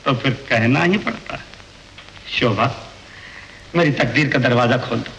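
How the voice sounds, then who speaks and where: Lovesick male nobleman, pompous and florid, slow drawn-out delivery, bright ringing tone. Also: mid-range voice, vocal fry, slight background noise, low-quality recording. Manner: florid, slow poetic wooing. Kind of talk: 1950s film acting.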